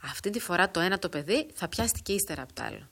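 A woman reading the part of a bold, quick-witted old village woman who speaks firmly and urgently in a storybook reading. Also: lowish voice, animated, fairly bright tone. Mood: urgent, persuasive. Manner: firm, persuasive, urgent.

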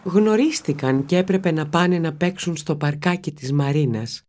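A woman narrating a children's story in a steady, expressive reading voice. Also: low voice.

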